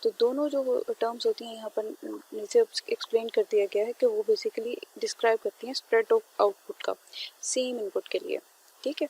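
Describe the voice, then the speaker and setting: Woman lecturing, mellow voice, step by step. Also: on the high side, fairly even intonation, moderate pace, husky, poor audio. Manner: explains step by step with many fillers and "theek hai" checks. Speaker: teacher. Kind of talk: classroom lecture.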